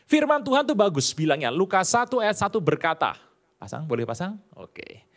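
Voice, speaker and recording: A middle-aged male pastor delivering a sermon, telling stories with animated, acted-out dialogue. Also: sits high, moderate pace.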